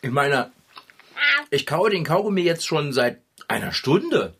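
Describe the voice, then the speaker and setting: An actor playing an easygoing, good-natured bike mechanic in a children's audio drama, cheerful and laid-back. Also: male voice, on the high side, sing-song, measured pace, slightly rough, full character voice.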